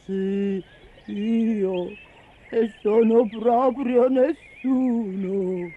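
Brief: melancholy storybook creature, sighing and mournful, put on by a woman; dragging, plain pitch, thin line sound. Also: fairly even intonation, very slow, slight background noise. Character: gloomy male creature, sad and sighing. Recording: tinny phone-like recording.

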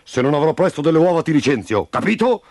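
A man's voice: medium pitch, very animated, moderate pace, dry recording, clean studio sound, voice pushed up. A man doing a blustering stern farmer. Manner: brusque, scolding. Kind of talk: storybook reading.

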